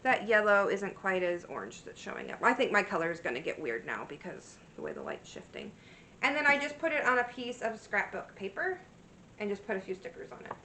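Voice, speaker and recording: A cross-stitch vlogger in her thirties rambles through a casual show-and-tell of her craft projects, chatty and full of fillers and restarts, her voice slightly worn. Her medium-pitched voice is bright, forceful and a little fast, with huge pitch swings. The mic sits at a distance in an echoey room, with slight background noise.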